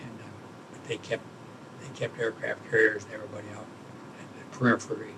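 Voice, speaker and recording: An elderly man, a war veteran, reminiscing in an interview, haltingly searching for his words as he remembers. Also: on the low side, monotone, creaky, noisy background. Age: older, around 80. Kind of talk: oral history interview, reminiscing.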